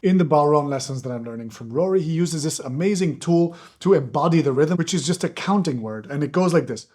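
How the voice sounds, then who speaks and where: A man's voice: a little high, expressive, brisk, darkish tone. A young man from Ireland raised in Belgium, enthusiastically teaching electronic music in a casual video lesson while demonstrating a hand drum. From born in Ireland, raised in Belgium. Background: hand drum hits.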